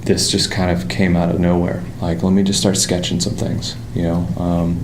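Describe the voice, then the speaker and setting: At a moderate pace, a motorcycle designer from the Pittsburgh area of the United States tells his story as a guest in a casual interview. His voice is very low and carries a Pittsburgh accent, and his relaxed, rambling telling is full of ums and restarts, set against a roomy, echoey room with steady background noise.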